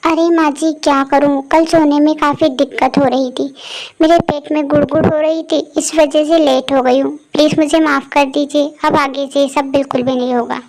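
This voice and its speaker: Woman doing a timid young bride, high voice. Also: steady tone, normal speed, a little mellow, slight background noise, rough recording. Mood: pleading. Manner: pleading, anxious. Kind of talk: cartoon story voice.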